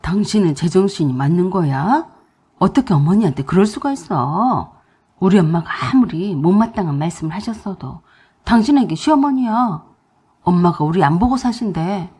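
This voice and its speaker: A woman's voice: fairly low pitch, lively intonation, normal speed, warm tone, slightly rough. A woman voicing an angry, defensive husband in a radio drama. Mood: reproachful. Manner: reproachful.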